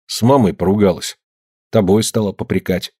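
A man reading a story, voicing a defiant young peasant woman who answers with sharp, biting retorts. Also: on the low side, moderate pace, husky, no room sound, studio quality. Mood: calm curt.

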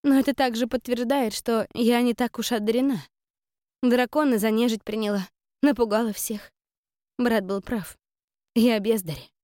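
A woman's voice: on the high side, steady tone, normal speed, a little mellow, no room sound, studio quality, pitched above the performer's own voice, close to an everyday voice. A woman reading an audiobook, voicing a gloomy young noblewoman in a plaintive, sulky tone. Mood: glum. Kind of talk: audiobook character voice.

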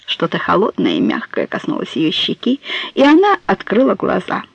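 A woman reads a novel aloud in a measured, even manner. Her voice is husky and breathy. The recording is dry and close, with a dull, muffled top. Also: medium pitch, no echo. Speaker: audiobook narrator. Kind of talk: scripted novel narration.

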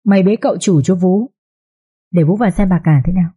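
A woman's voice: lowish voice, brisk, warm tone, slightly rough, highs cut off. A woman voicing a loyal nanny who speaks humbly and soothingly to her mistress. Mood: urgent. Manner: soothing, deferential.

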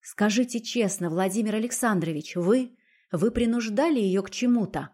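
A woman's voice: mid-range voice, normal speed, warm tone, natural voice. A woman voicing an emotional young noblewoman who stays dignified through tears. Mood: tearful firm. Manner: tearful yet dignified.

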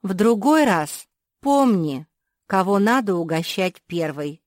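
A woman voicing a spoiled, rich young labrador girl who whines and demands loudly. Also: on the low side, slow, no room sound, studio quality, voice pushed up. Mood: bossy. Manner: whiny, demanding, loud.

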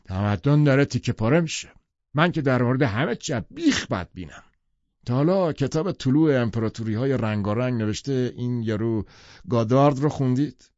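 A male narrator voicing a brash, opinionated wealthy man who lectures forcefully. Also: medium pitch, very animated, no echo, lo-fi sound, pitched above the performer's own voice, close to an everyday voice. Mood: blustering.

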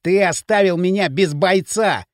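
A man voicing a brutal male gang boss who shouts vicious threats. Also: high voice, lively intonation, moderate pace, no echo, clean studio sound. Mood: raging.

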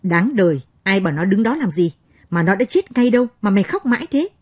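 A spiteful middle-aged mistress of the house barks and sneers at her servant, as a woman reader puts her on. The voice is dark and husky. It sounds close and dry, with no room echo. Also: fairly low pitch, normal speed. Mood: contemptuous. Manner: harsh, scolding. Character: cruel haughty second wife, middle-aged woman.

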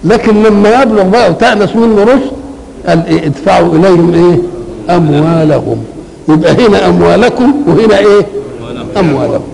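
An older man with an Egyptian Arabic accent, explaining Quranic verses in a conversational lecture, asking questions and answering them himself, slowing down to recite. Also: high voice, gravelly, darkish tone, low-quality recording. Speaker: Quran commentator. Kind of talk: colloquial Quranic exegesis lecture.

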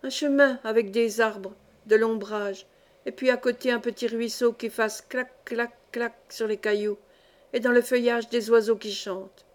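A woman's voice: fairly high pitch, steady tone, a little slow. Woman reading a classic novel aloud. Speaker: audiobook reader. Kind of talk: scripted narration.

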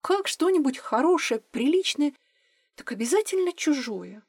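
A woman reads a lively young woman who teases and exclaims. The voice is fairly high, captured close and dry. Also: moderate pace, dry recording. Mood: teasing. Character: young woman, lively, teasing, outspoken friend.

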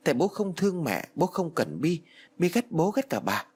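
A man's voice: on the high side, very animated, normal speed, a little mellow, breathy edge, pitched above the performer's own voice. A man doing a sulky little ghost girl. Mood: defiant. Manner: childish, pleading and stubborn. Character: ghost of a small girl, clingy, sulky, tearful.

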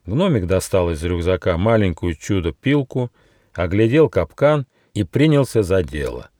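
A man reading his own fairy-tale audiobook in an expressive storybook narration. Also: low voice, moderate pace, dry recording, clean studio sound. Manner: expressive, animated.

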